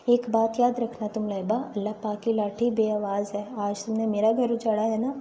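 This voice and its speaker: A woman's voice: on the high side, flat delivery, mellow, slight background noise, natural voice. A woman reading the lines of a wronged young wife in a storybook tale, speaking in a reproachful, pleading way.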